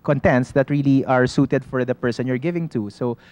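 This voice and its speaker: A man's voice: medium pitch, a little fast, darkish tone. A man, a shop owner and studio guest, patiently explaining health foods in casual chat, often saying "you know" and restarting his sentences.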